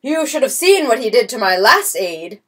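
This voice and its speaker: A woman's voice: on the high side, big pitch swings, moderate pace, fairly bright tone. A woman reading a storybook voices a blustering, pompous swindler count who barks commands. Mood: commanding. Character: blustering swindler count, grown man, bold. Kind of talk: audiobook character voice.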